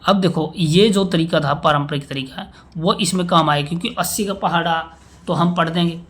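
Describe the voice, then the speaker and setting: Male maths teacher, patient step-by-step explainer, a touch higher pitched. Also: moderate pace, fairly bright tone. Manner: explains step by step, often asks "samajh mein aaya?"; checks in with "theek hai" and recites times tables aloud. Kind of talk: classroom maths lesson.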